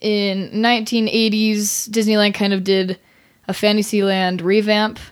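A woman's voice: medium pitch, little pitch movement, unhurried, smooth. A woman chatting informally and giggly as a podcast co-host. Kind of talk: casual chat.

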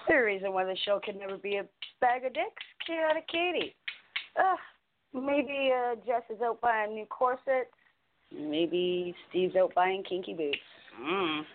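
A woman's voice: medium pitch, unhurried. A woman co-hosting a radio show with casual banter. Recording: dull lo-fi line, faint noise.

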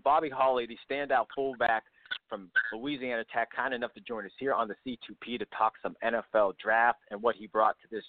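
A man hosting a sports interview show, upbeat and quick, full of "you know" fillers. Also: lowish voice, no room sound. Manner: fast, upbeat, many fillers. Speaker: podcast host. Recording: tinny phone-line audio.

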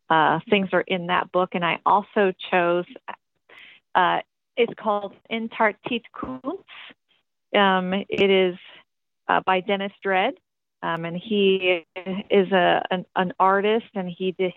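A metal band singer from Tennessee, speaking in a mid-range voice, is the interview guest here, and she's chatty and rambling with lots of ums and the occasional swear. The sound is tinny and phone-like, completely dry without any room sound.

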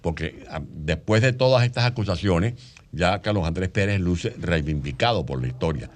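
Man, low-pitched guest author, talks at length in explanations. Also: lively intonation, moderate pace. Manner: long explanatory answers. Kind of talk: radio interview.

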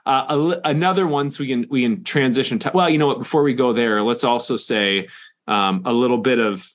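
A man's voice: medium pitch, fairly quick. A man co-hosting a film podcast, chatting casually and making playful jokes. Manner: joking, playful asides. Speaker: podcast co-host.

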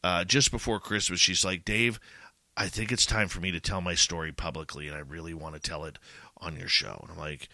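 Male, 40s, podcast host, very low and forceful-edged voice, dry sound, enthusiastic. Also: steady tone, brisk, no echo. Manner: enthusiastic, friendly, repeats himself. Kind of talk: casual podcast chat.

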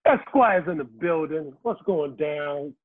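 A man's voice: a little high, lively intonation, slow pace. Man with a muffled, cup-like mic. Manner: joking, laid-back banter. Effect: muffled, as if talking into a cup. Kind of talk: casual chat.

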